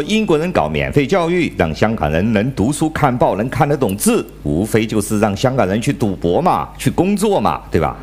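A man's voice: medium pitch, darkish tone. A man hosting a podcast, giving satirical political commentary in a sarcastic, mock-indignant way. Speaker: podcast host.

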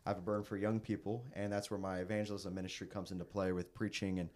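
A young man, a traveling evangelist, telling a story in a relaxed conversation and laughing as he goes. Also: low voice, fast talker. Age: young adult. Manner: animated storyteller, laughs at his own tale. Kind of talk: casual storytelling in a podcast conversation.

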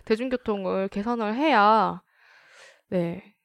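A woman's voice: mid-range voice, slow pace, creaky, no room sound. A woman from South Korea hosting a casual group discussion, self-deprecating and sometimes searching for words. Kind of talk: casual panel chat.

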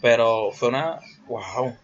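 A man's voice: mid-range voice, slow pace, highs cut off, slight background noise. A young man with a Puerto Rican accent, hosting a casual solo monologue. He rambles, jokes crudely and slips English words into his Spanish.

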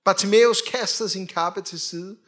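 A young man preaching a sermon in a lively way, swinging from loud calls to quiet drops. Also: high voice.

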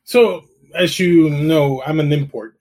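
A man's voice: fairly high pitch, slow pace, darkish tone. Middle-aged man from El Salvador. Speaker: guest, realtor. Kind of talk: casual interview storytelling.

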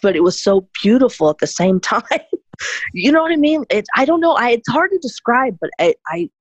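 A woman's voice: fairly high pitch, very animated, fairly quick, no echo, highs cut off. A woman chatting casually as an interview guest, effusive and gushing as she talks. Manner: gushing, effusive about films. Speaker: podcast guest, horror hostess.

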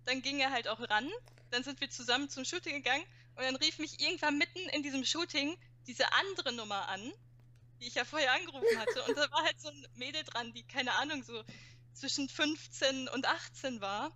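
A young woman with a high, bright voice chatting casually and telling stories. She acts out what people said and uses lots of youth slang. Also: fairly quick. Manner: animated anecdote telling with acted-out quotes and youth slang. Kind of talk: casual storytelling chat.

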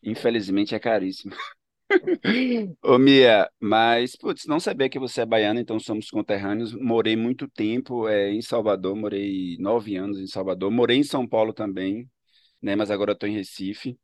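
A man's voice: fairly low pitch, moderate pace, dry recording. Bahian male host, jokey and laughing, dry close sound. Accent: Bahian Brazilian Portuguese. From Ilhéus, Bahia, Brazil. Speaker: podcast host. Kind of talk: casual podcast chat.

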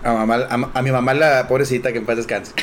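A man's voice: mid-range voice, steady tone, fast talker, soft background music. A middle-aged man, a podcast co-host telling profane, laughing anecdotes in casual chat.

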